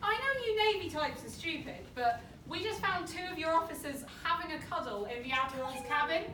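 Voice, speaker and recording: A woman's voice: very high-pitched, lively intonation, a little fast, sharp tone, slight background noise, full character voice. A woman playing a haughty pirate queen. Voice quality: haughty and commanding. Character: imperious, swaggering female pirate queen. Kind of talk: live stage comedy acting. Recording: echoey stage, picked up from far off.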